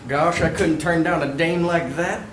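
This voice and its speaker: A man's voice: on the high side, fairly even intonation, moderate pace, natural voice. A man playing a gallant film noir detective with old-fashioned patter in an improvised stage comedy scene. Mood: hammy, gallant. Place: indoor live improv show, far mic. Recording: distant echoey room, loud noise.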